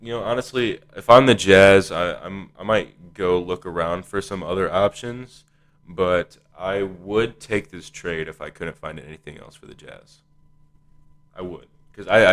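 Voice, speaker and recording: A man's voice: sits low, fairly bright tone. A man hosting a casual sports discussion, thinking aloud in a hesitant, conversational way. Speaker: podcast host.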